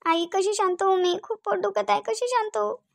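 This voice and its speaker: A woman's voice: extremely high pitch, steady tone, moderate pace, creaky. A woman voicing a frightened young pregnant woman with a Varhadi Marathi accent, who whimpers and pleads. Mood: pained pleading.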